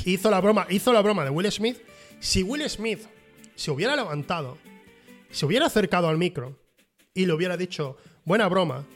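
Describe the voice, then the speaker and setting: A man, co-hosting a podcast in casual, jokey chat. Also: sits high. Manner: animated, jokey, quick asides. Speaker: podcast co-host.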